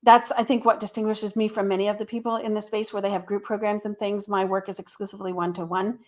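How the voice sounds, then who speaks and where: A woman's voice: mid-range voice, little pitch movement, quick pace. A middle-aged woman speaking as an interview guest and therapist, explaining things in a casual, conversational way. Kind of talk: casual interview, telling a career story.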